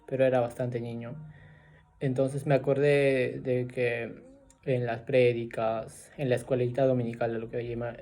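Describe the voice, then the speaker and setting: A young man tells his own faith testimony off the cuff. His voice is mellow and dark, and his pitch stays flat and even. He pauses often, fills gaps and keeps asking "right?". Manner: soft-spoken, halting with many fillers and tag questions. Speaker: storyteller sharing his testimony. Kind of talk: personal faith testimony, unscripted.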